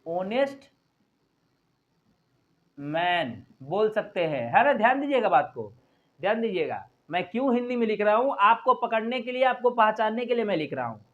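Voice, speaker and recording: An earnest male teacher explaining grammar to his viewers, who repeats his points and spells words out letter by letter as he writes on the board. His voice sits high for a man. The recording is dull and lo-fi. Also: very animated, moderate pace. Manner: earnest, repetitive, addresses viewers as "my friend". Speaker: English teacher. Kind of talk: Hindi-language grammar lesson at a board.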